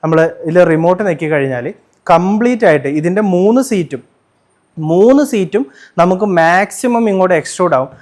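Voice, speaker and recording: A Malayali man walks viewers through a furnished home, explaining each feature like a sales pitch. His voice sits a little higher than most men's. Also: animated, brisk, darkish tone. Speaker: home furnishing company presenter. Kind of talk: product demo and home tour.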